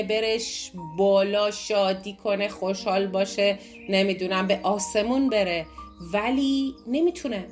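A woman teaching an NLP course in a lively, animated way, asking her listeners questions and answering them herself. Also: mid-range voice. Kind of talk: motivational lesson talk. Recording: clear background music under voice.

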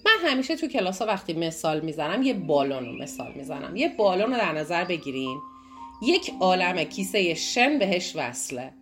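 Animated Persian-speaking woman teaching over music. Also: lowish voice. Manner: animated, asks and answers own questions. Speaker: NLP course teacher. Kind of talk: motivational lesson talk. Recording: clear background music under voice.

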